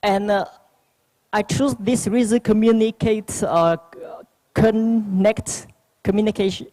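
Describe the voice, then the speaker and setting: This youth forum speaker, a young adult with a Vietnamese accent, reads a prepared speech hesitantly, restarting often and leaning on fillers. Their medium-pitched voice is steady and somewhat dark.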